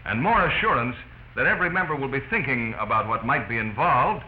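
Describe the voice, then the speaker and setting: Speaking directly to the audience, an American man narrates a 1940s instructional film with emphatic, instructive delivery. He has a mid-range voice with lively intonation, fairly quick, and the recording is muffled and noisy.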